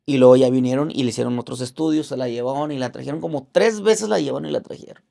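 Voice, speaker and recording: A man telling a personal faith testimony in an interview, earnest and halting, with religious fervor, acting out other people's words in raised voices. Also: medium pitch, vocal fry, warm tone. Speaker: interview guest.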